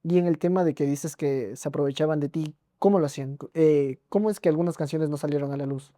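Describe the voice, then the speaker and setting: Dark-voiced male interviewer. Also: a little high, steady tone, quick pace, dry recording, studio quality. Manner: brief backchannels and short questions. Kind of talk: casual interview.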